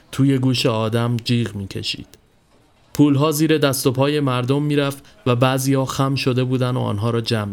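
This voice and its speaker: A man hosting a podcast, reading a literary short story aloud in steady narration. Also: mid-range voice, clean tone. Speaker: podcast host.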